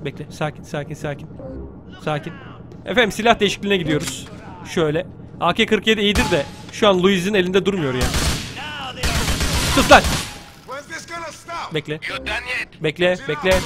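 A man hosting his gaming channel, giving excitable live commentary and swearing at enemies as he plays. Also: high voice, normal speed, long pauses, over music. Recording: game sounds loud behind. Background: game sound effects and vehicles.

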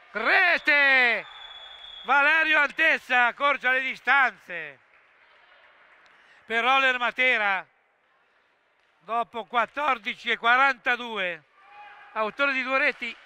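Male sports commentator for breathless goal calls: very high, piercing bright voice, shouted names, stretched cries. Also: very slow, long pauses, smooth. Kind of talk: excited Italian goal commentary of a roller hockey match.

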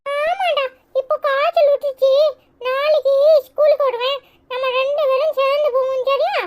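A woman's voice: fairly even intonation, normal speed, lo-fi sound. A woman voicing a sulky, tearful little boy in a Tirunelveli Tamil accent for a cartoon. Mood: cheerful. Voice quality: very high, childlike. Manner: whiny pleading, near tears. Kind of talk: cartoon comedy voice acting.

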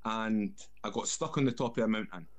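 A man's voice: on the low side, fairly quick. Man with a broad Scottish accent. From Scotland. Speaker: guest, former soldier. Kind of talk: casual anecdote telling.

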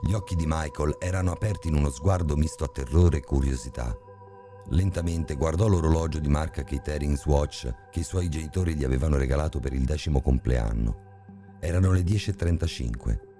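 A man narrating a horror story in a measured, expressive way. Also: extremely low pitch. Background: soft background music.

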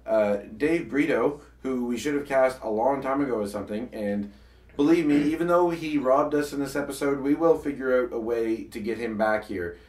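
A man's voice: mid-range voice, normal speed, darkish tone, recorded from a distance. A man co-hosting a talk about his comedy web series, chatting casually and often restarting his sentences. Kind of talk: casual chat. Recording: echoey room, voice a bit off-mic.

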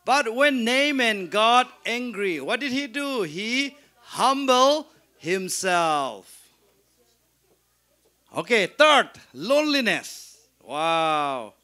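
A man's voice: high-pitched, sing-song, very slow, bright, forceful tone. A man teaching an interactive Bible lesson, asking questions and answering them himself, then leading the class to repeat after him. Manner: leads call-and-response repetition. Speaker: Sunday school teacher.

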